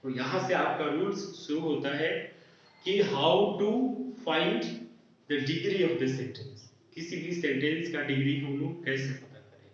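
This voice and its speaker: A man teaches a grammar class at a board, asking his students questions and answering them himself. His voice sits a little high and is heard from across a very echoey room. The recording is dull and lo-fi. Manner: explains slowly, asks and answers his own questions. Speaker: English teacher. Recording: roomy echo, distant lo-fi mic.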